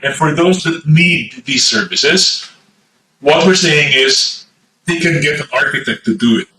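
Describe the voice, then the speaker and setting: A man's voice: fairly high pitch, lively intonation, a little slow, sharp tone, a little hiss or hum. A man with a Filipino accent giving a conversational architecture lecture, switching between English and Tagalog and often checking in with "okay?". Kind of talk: explanatory lecture. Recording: echoey room, mic at a distance.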